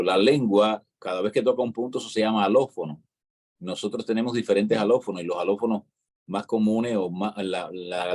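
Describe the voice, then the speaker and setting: Husky Cuban man explaining at length. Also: fairly low pitch, darkish tone. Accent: Cuban Spanish. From Cuba. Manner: lecturing, explanatory, peppers talk with "¿entiendes?". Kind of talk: casual talk-show conversation.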